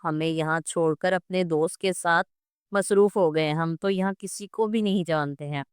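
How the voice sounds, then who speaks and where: Young heroine, quick-witted and mischievous, read by a woman, low crisp voice. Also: no room sound, clean studio sound, lightly acted.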